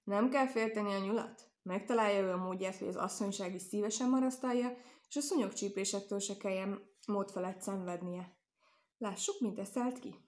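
A woman narrating a children's storybook with a lively, expressive delivery. Her voice sits at a middle pitch and changes for each character. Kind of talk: storybook reading.

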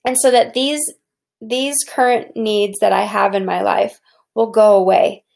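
Woman business owner, fry in the voice, preachy and earnest, stumbles and restarts a lot. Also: mid-range voice, fairly even intonation, a little slow, a little mellow. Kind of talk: motivational talk.

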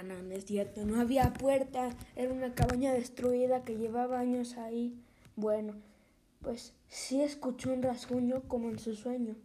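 Woman storyteller, mellow and fairly high, rambling horror tale that slips into whispers. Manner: rambling, self-correcting, often drops to a whisper.

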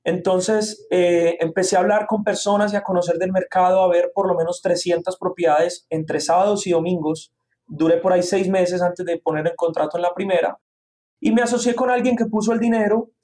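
Man, thirties, Medellín Colombian accent, high voice, earnest storyteller, podcast guest. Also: fairly even intonation, brisk, dark tone. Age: 30s. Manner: earnest, storytelling, with frequent fillers. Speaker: guest, real estate investor. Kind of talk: personal story in an interview.

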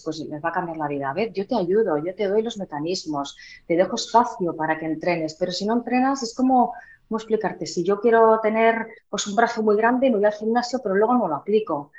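A voice trainer and speech expert from Huelva in Andalusia, Spain, speaks as an interview guest, giving emphatic, didactic advice in a conversational style and checking in with her listeners. Her voice is medium-pitched and a little mellow. The recording sounds dull, roomy and echoey.

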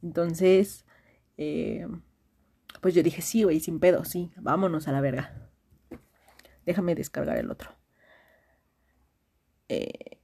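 A woman's voice: lowish voice, mellow, slightly rough. A young woman with a Mexican accent, telling a friend a long personal story in a casual, slangy, rambling voice message. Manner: rambling, slangy, frequent restarts and fillers.

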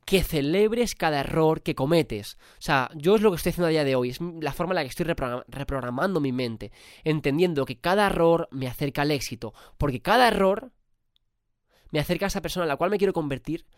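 A man's voice: a little high, lively intonation, a little fast, no echo, studio quality. Spanish man with a cold, motivating. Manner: emphatic, casual swearing. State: has a cold. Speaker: podcast host. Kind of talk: motivational podcast monologue.

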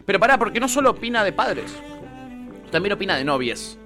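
A man's voice: high voice, sing-song, fairly quick, over music. A man with a Rioplatense accent hosting a podcast, talking in a playful, sarcastic, casual way. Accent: Rioplatense Spanish. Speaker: podcast host. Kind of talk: casual chat.

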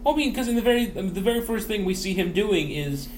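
A man co-hosting a podcast, chatting casually about a movie in a rambling, animated way and swearing freely. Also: high-pitched, fast talker. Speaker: podcast co-host. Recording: echoey room, faint noise.

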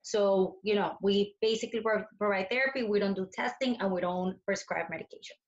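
A woman's voice: medium pitch, fairly quick, dull audio. A woman from Colombia, a therapist guest on a podcast, explaining things in a thoughtful way with many "you know"s. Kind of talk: podcast conversation.

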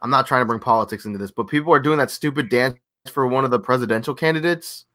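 A man's voice: mid-range voice, quick pace. A man co-hosting a casual podcast, ranting and telling stories with plenty of swearing. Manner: ranting, profane, animated storytelling. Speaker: podcast co-host.

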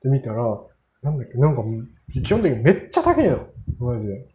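A man's voice: medium pitch, sing-song, fast talker, mellow. A man casually telling rambling, self-mocking anecdotes in a solo monologue. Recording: roomy echo.

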